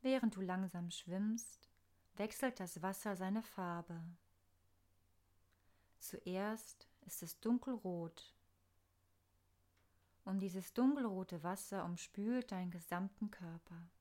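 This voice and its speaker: Unhurried and gentle, with pauses throughout, a medium-pitched woman reads a scripted guided meditation in a calming tone.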